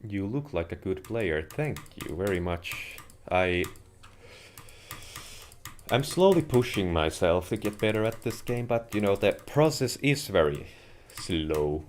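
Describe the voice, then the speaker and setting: Livestreaming a video game from Finland, a man with a low-sitting voice and lively intonation talks to his viewers in casual commentary, his phrasing measured and a touch wordy. Keyboard and mouse clicks fill the noisy home stream.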